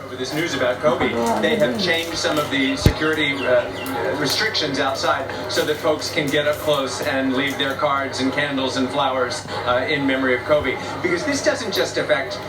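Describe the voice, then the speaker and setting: A man's voice: mid-range voice, moderate pace, few pauses. A man correspondent gives a live news report in an emphatic way. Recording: roomy, distant broadcast audio.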